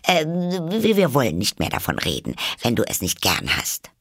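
A man's voice: deep voice, very animated, brisk, creaky, fairly bright tone, slightly rough, dry recording, studio quality, full character voice. A man voicing an eager, polite little girl in a storybook reading, chattering anxiously and apologizing.

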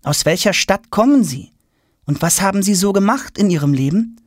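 A man's voice: high voice, expressive, normal speed, no echo, clean studio sound, pitched above the performer's own voice. A man voicing a curious, hasty schoolboy who asks question after question. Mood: eager questioning. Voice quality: eager, questioning. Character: curious, hasty schoolboy, polite but impatient.

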